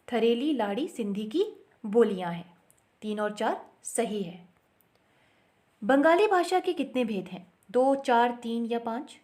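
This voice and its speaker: A woman tutor reading out Hindi literature exam questions, listing the options and then giving and explaining the right answer. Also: high voice. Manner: steady question-and-answer recitation.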